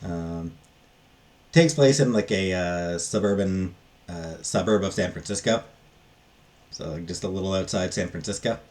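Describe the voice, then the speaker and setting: A very low-pitched, darkish male voice rambles casually through an impromptu book review. His phrasing is halting and often trails off.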